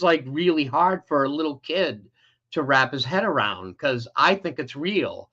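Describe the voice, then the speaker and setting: A man's voice: mid-range voice, bright, forceful tone, muffled recording. A middle-aged man, an interview guest, candidly telling a painful personal story with many restarts.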